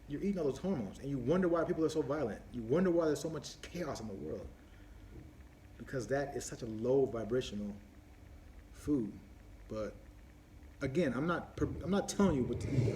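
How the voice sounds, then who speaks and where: A man's voice: mid-range voice, darkish tone, slight background noise. A man hosting a casual live-stream Q&A on his phone, rambling with many fillers and restarts as he answers viewer questions one by one.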